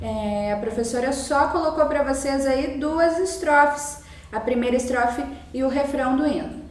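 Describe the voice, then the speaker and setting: A woman's voice: high-pitched, darkish tone. A Brazilian woman teaching a recorded lesson to young children, explaining patiently and repeating herself often. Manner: slow, patient explaining with many repetitions. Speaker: primary school teacher. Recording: roomy sound, mic at a distance.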